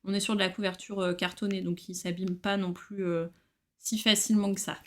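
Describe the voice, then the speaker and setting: A woman showing her new books in a casual vlog, chatty and relaxed, with frequent hesitations. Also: mid-range voice, a little fast. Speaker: book collector vlogger. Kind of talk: casual book haul chat.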